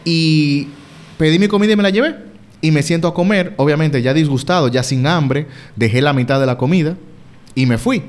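A man's voice: a little high, moderate pace. A man earnestly telling a personal story in casual conversation, reflecting on his fears. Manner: earnest, self-reflective, animated retelling. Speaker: guest sharing a personal story.

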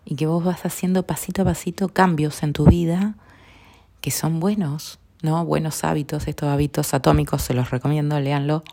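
Soft-spoken low Rioplatense woman. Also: steady tone, normal speed, gravelly. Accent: Rioplatense Spanish. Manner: soft, earnest, often dropping to a near whisper. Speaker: podcast host. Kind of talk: reflective personal talk.

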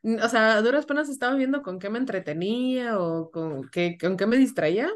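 Animated woman storyteller. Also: a little high, a little fast. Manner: animated storyteller, laughs often, acts out voices. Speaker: podcast co-host. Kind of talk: casual storytelling chat.

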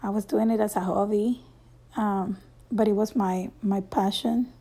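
A woman in her thirties from El Salvador, a Spanish native speaker with a Salvadoran accent, doing a stand-up monologue with halting restarts and chuckles between phrases. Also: medium pitch, steady tone, mellow, breathy edge. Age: 30s. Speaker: actress.

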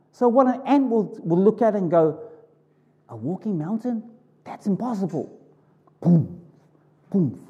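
A male preacher with a soft, mellow voice pitched a little high. He delivers his sermon conversationally, speaking informally to the congregation and repeating phrases to drive them home. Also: dull audio. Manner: informal, conversational, with emphatic repetition.

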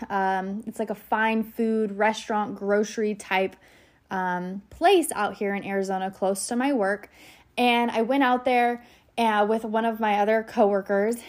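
A woman with a somewhat high voice tells her viewers a story in a casual vlog. She talks in a chatty, quick way, full of fillers and asides, and speaks to the audience directly. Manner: chatty, fast, with many "like" and "you know" fillers. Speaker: salon worker.

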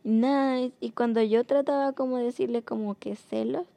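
A young woman telling a personal story in a casual, rambling way, with many fillers, mostly soft and subdued but rising when frustrated. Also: on the high side, steady tone, moderate pace, vocal fry, no echo. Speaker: vlogger.

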